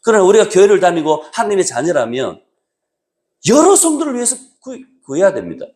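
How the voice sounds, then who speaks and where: Animated high-pitched preaching man. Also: brisk. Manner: emphatic preaching, swinging between raised exhortation and low asides. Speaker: pastor. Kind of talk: sermon. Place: church sanctuary.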